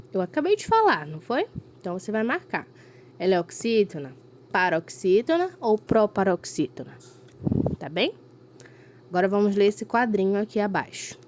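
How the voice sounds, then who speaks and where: A woman teacher, giving a recorded lesson to a fifth-grade class and explaining patiently step by step with frequent check-ins. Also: mid-range voice. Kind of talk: recorded remote school lesson.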